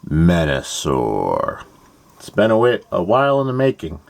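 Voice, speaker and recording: On his toy-building channel, a man with a medium-pitched voice explains a build step by step, talking fast and animatedly. His manner is casual and plain with playful asides, and the recording is dry.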